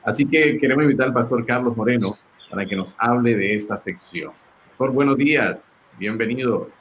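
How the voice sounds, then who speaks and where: A man's voice: mid-range voice, normal speed, a bit bright, a little hiss or hum, rough recording. A male pastor in a conversational Bible study discussion, often asking "right?" as he talks. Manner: conversational, uses fillers and tag questions.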